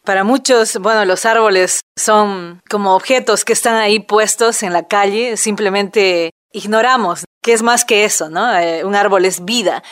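A woman's voice: mid-range voice, moderate pace, dry recording, clean studio sound. Woman hosting a radio interview. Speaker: radio host.

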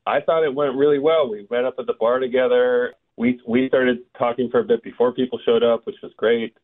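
A man's voice: medium pitch, steady tone, brisk. A man calling in to a radio show, telling his story in a rambling, hesitant way. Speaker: caller. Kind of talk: phone call to a radio show. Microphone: telephone. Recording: tinny phone line.

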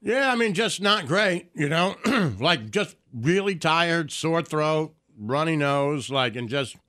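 A man's voice: a little high, expressive, slow pace, a bit bright, no echo. Blunt male co-host, dry close sound. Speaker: podcast co-host. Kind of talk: casual chat.

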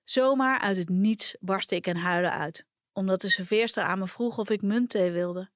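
A woman reading a first-person personal story aloud for a podcast, in a calm, measured storytelling manner. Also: medium pitch, dry recording, clean studio sound. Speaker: podcast reader.

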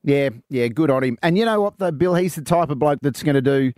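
A man's voice: a little high, lively intonation, a little fast, a little mellow, dry recording, clean studio sound. A man with an Australian accent co-hosting sports radio in casual, colloquial chat, often putting questions.

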